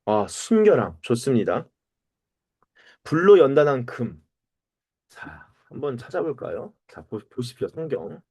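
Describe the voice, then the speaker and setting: A pastor leading a Bible study, asking questions and calling on people to read. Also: male voice, mid-range voice, unhurried, pauses often, husky. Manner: animated, asks the group questions and calls on readers.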